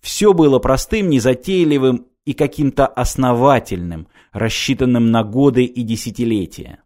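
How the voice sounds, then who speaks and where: A man's voice: medium pitch, normal speed, darkish tone. Man narrating an audiobook. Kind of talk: scripted narration.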